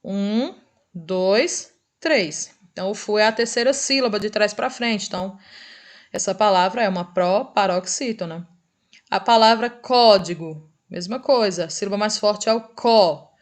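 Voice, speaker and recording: A woman teacher with a Brazilian Portuguese accent giving a recorded review lesson, patient, checking in often with short tag questions and drawing out example words slowly. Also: medium pitch.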